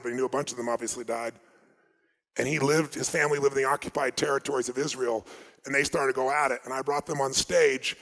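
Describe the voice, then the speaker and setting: A man speaking as a motivational speaker, telling stories at a live seminar in an emphatic way that swings from loud urging to hushed asides. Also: medium pitch, big-room sound.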